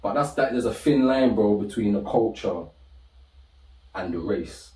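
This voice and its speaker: A young man from Britain, co-hosting a podcast in casual chat, animated and full of slang, jumping up in pitch when telling stories. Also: unhurried, a little hiss or hum. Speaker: podcast co-host. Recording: roomy, from far off the mic.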